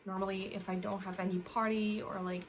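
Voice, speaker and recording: A woman's voice: medium pitch, level tone, a little fast, slight background noise, poor audio. Rambling young woman book vlogger. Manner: rambling, with frequent self-corrections and fillers. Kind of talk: casual chat to camera.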